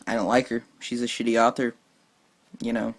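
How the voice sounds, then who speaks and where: A man with a medium-pitched voice speaks casually. He is a listener putting a question to a show. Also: little pitch movement, normal speed. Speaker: listener sending a video question.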